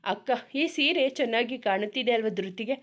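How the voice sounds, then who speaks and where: Woman doing a gentle kind young woman in a story, soft and reassuring. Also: on the high side, lively intonation, normal speed.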